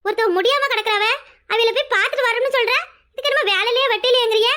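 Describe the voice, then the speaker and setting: A very high, bright, quick voice for a scolding old mother-in-law in a village cartoon, done by a woman. She nags and complains dramatically in Kanyakumari Tamil, sharp-tongued and bossy. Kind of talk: cartoon voice acting.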